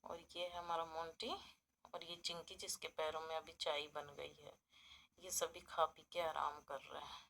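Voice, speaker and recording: A woman's voice: little pitch movement, normal speed, creaky, a bit bright, a little hiss or hum. A woman chatting casually to her viewers in a home vlog, talking fondly about her pets and her day, sounding tired at times. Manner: coos at her rabbits in a high sing-song voice; chatty, addresses viewers as friends. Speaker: vlogger.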